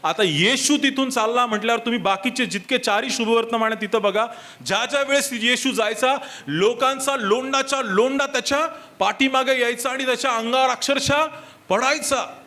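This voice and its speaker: Bright, high-voiced man preaching. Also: moderate pace. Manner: emphatic, with rhetorical questions and repeated reminders to the listeners; switches briefly into English for key points. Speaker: pastor. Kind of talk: sermon. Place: church service.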